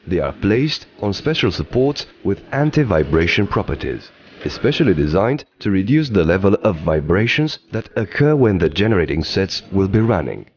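Deep-voiced male documentary narrator. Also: big pitch swings, normal speed, dull audio. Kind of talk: scripted narration.

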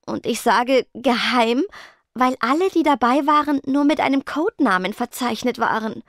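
A woman's voice: on the high side, moderate pace, no echo, studio quality, pitched above the performer's own voice, close to an everyday voice. A woman voicing a timid stammering ghost girl. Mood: nervous. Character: shy nervous teenage ghost girl.

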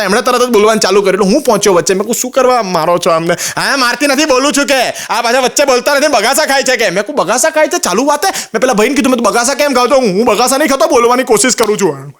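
A man with a Gujarati accent telling comic stories, quoting his father and others in quick exchanges. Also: extremely high pitch, a bit bright. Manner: rapid storytelling with quoted voices. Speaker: comedian. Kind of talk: stand-up joke telling.

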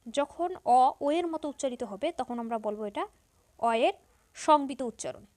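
A high-voiced woman teaching a school grammar lesson. She explains patiently and step by step. She says each example word slowly and repeats it. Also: animated, a little mellow.

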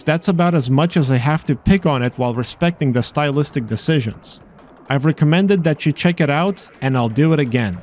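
Man, voice-over game commentary, fairly high voice, dry sarcastic asides, faint music behind. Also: a little mellow. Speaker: video host exploring games.

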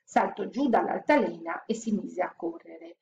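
A woman narrating a children's story aloud in a calm, expressive storytelling manner. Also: fairly low pitch, moderate pace, gravelly, muffled recording. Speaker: audiobook narrator.

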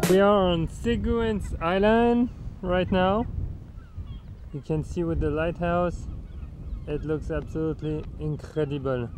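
A playful man with a French accent narrates his sailing trip from the deck of a boat, cheerfully searching for the odd word. His voice sits fairly high for a man, and music plays underneath him. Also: unhurried, a little mellow, rough recording. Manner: upbeat, playful, with French words mixed in and some searching for words. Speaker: vlog host. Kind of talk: casual travel vlog narration.

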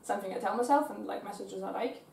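A young woman from Austria answering interview questions in a small dorm bedroom, calm and reflective. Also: mid-range voice, fast talker, vocal fry, noisy background. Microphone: far camera. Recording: roomy, distant camera sound.

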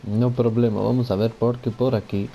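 A man's voice: medium pitch, level tone, moderate pace, vocal fry, dark tone, slight background noise. A man giving casual let's-play commentary, talking to himself and his character, repeating phrases and swearing at enemies. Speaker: gamer playing a video game.

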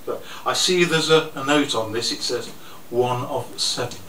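A stand mic placed slightly to one side picks up an older man at a cafe, performing his own poems slowly and theatrically for a small audience, with chuckles and asides between pieces. He speaks at a medium pitch, pushed and bright. The audio is roomy and distant, like a camera recording, with faint noise.

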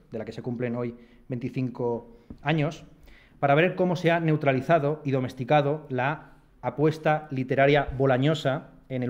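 A man's voice: medium pitch, darkish tone, dull audio. A man from Madrid with a Madrid Spanish accent, a philosopher reading a prepared lecture in a lecture hall, with wry, self-deprecating asides. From Madrid, Spain. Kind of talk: read-aloud lecture. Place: lecture hall at a university residence.

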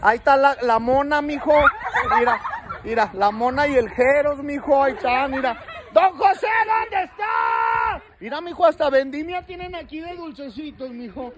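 A man with a Mexican accent hosting a street vlog, joking, teasing and shouting to people outdoors at night. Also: very high-pitched, wildly swooping pitch, normal speed. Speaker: street prankster host. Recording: busy street with crowd chatter. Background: crowd chatter.

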